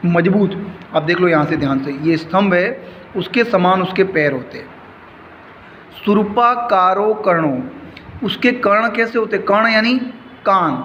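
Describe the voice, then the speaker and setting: A man with a high voice walks through a school lesson, repeating each word and its meaning in a slow, patient rhythm. The sound is dull and lo-fi, with a long reverb trailing behind him and faint noise underneath. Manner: slow, repetitive explaining, word by word. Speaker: school teacher. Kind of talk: recorded Sanskrit lesson explained in Hindi.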